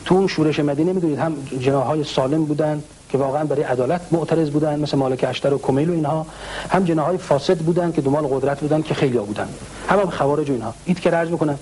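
A man with a slightly high, mellow voice lays out historical accounts as a religious scholar answering a question. He clears his throat often and slows down for Arabic quotations. A faint hum sits under the recording. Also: low-quality recording. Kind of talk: explanatory talk retelling historical accounts.

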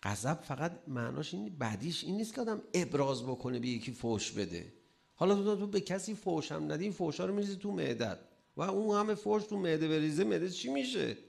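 A man delivering a religious sermon. He asks rhetorical questions and adds playful humor, swinging between loud emphasis and soft asides. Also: on the high side, big pitch swings, vocal fry. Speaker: preacher.

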